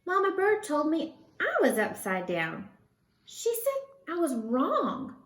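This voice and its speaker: A woman voicing an earnest, excitable young female bat in a storybook read-aloud. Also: sits high, takes it slowly, reverberant, pitched above the performer's own voice, exaggerated voice. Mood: puzzled, insistent.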